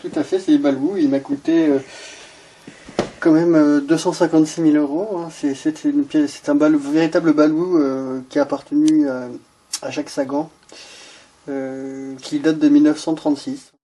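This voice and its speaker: A man playing a pompous, self-satisfied intellectual film director in a parody interview, rambling with hesitant pauses and mock modesty. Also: a little high, steady tone, dark tone, distant mic, lightly acted. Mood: proudly showing off. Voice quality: hesitant, filler-laden delivery. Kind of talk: parody interview, improvised-sounding. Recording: roomy echo, music behind.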